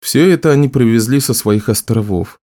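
A man narrating a fantasy audiobook in a steady, even reading. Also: medium pitch, moderate pace. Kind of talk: scripted narration.

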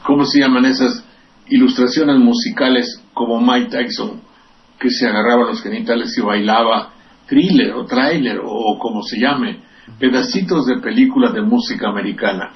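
A man's voice: medium pitch, moderate pace, far from the mic. Older Mexican male radio host, sarcastic, profane, meandering; lo-fi recording with faint hiss. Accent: Mexican Spanish. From Veracruz, Mexico. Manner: rambling, sardonic and profane, with digressions. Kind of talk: political commentary on radio.

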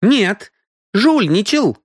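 Shrill young actress type, accusing, man doing it, dry read. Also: expressive, moderate pace, no room sound. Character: sharp young woman exposing a cheat.

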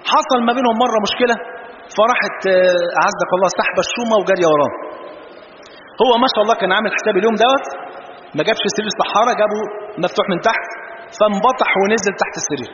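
An Egyptian man with an Egyptian Arabic accent, preaching in an animated storytelling way and mixing jokes into his religious talk. His voice sits high for a man and the words tumble out at great speed. He is heard in a large hall with a long, roomy echo. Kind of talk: sermon with humorous anecdotes. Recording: dull, roomy, noisy hall recording.

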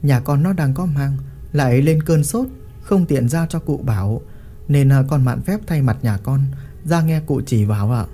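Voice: medium pitch, moderate pace, mellow, faint music behind, lightly acted. A reader voicing a humble, anxious young peasant husband who pleads deferentially and hesitantly.

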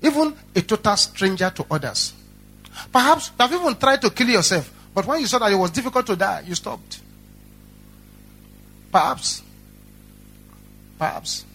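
High, bright-voiced Nigerian preacher. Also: male voice, moderate pace, long pauses, breathy edge. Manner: animated storytelling with repetition. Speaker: pastor. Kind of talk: sermon.

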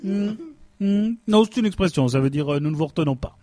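A man's voice: on the high side, animated, brisk, mellow, close to an everyday voice. A man playing a smug cynical boss. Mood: smug, sarcastic. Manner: smug, sarcastic, coldly dismissive. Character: cynical male company boss firing his staff. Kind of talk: stage comedy sketch.

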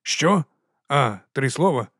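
A man's voice: medium pitch, animated, slow, fairly bright tone, no echo, clean studio sound. A man voicing a weary, hard-drinking middle-aged watch captain in an audiobook, tired and resigned.

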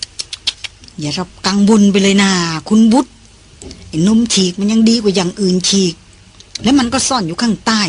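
A woman voicing a hard, blunt male jungle hunter in a Thai audiobook, talking gruffly and curtly. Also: high voice, normal speed, pauses often, slight background noise, lightly acted. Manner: gruff and curt.

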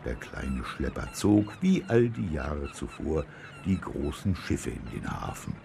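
A man reading a children's story aloud with expressive storytelling. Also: low voice, unhurried, gravelly, background noise. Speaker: audiobook reader.

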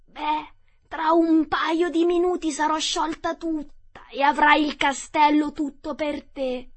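A woman's voice: sits high, fairly even intonation, slow, pitched above the performer's own voice. A woman reading a storybook aloud, voicing a wicked, cunning old witch who taunts and wails. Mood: wailing. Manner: taunting, then wailing in despair.

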